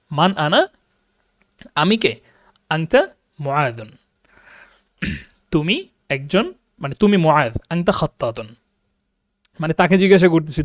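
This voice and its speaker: Man, online language teacher, high voice, patient explaining, slow example reading, dry close sound. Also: no echo. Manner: explains patiently, checks understanding with questions; reads example sentences slowly and translates each one. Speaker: Arabic teacher.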